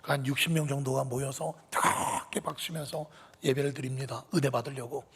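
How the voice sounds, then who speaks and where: A man's voice: mid-range voice, fairly even intonation, brisk, a bit bright, husky. A pastor in his fifties giving a sermon with a personal testimony, telling it with emotion that swells to impassioned peaks, recorded in a church sanctuary. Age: 50s. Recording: reverberant church hall.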